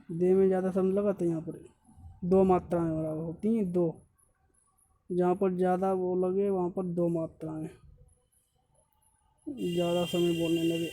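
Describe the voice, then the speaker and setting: A man's voice: sits high, dark tone. A male teacher giving an exam-prep grammar lesson, repeating points and correcting himself often as he explains step by step.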